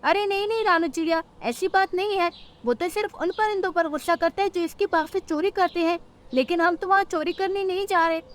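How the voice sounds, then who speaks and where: A woman's voice: very high voice, a little fast. Kalu the crow, sly and wheedling, voiced by a woman. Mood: scheming. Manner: wheedling, pushy. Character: sly lazy male crow, lies and begs. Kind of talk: cartoon storytelling.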